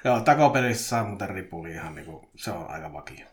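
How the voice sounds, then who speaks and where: A man's voice: sits low, a crowd in the background. A man co-hosting a casual podcast from a home studio, reading a listener's story aloud and chatting, playful and mock-dramatic. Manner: lively, playful, mock-dramatic quoted voices. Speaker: podcast co-host. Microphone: desk microphone.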